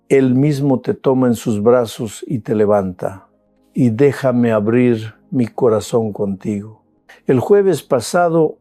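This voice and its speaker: An older man preaching a sermon as a pastor, slow and measured, with dramatic pauses and surges of emotional emphasis. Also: medium pitch, mellow, dry recording, studio quality.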